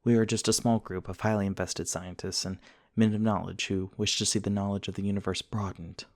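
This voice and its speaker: This one-sided ASMR roleplay has a man voicing an earnest, reassuring male scientist in a low register, keeping his tone level and his pace fairly quick. The acting is light, and his phrasing stays courteous, exact and long-winded, a little socially awkward. There's no room echo, just a dry sound.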